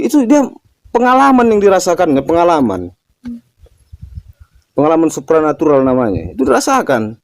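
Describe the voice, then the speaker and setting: An older man talks through a spiritual lesson in a relaxed storytelling way, tagging his phrases as he goes. His pitch moves a lot, and the tone is mellow and dark. The sound is dry and close. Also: no room sound. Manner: storytelling, ends phrases with "kan gitu". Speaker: religious teacher answering a question. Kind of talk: casual spiritual talk.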